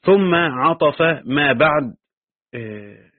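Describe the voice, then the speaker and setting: A man reading aloud and explaining a Quran commentary in measured, pausing lessons, correcting himself and adding asides. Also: a little high, animated, phone-quality sound.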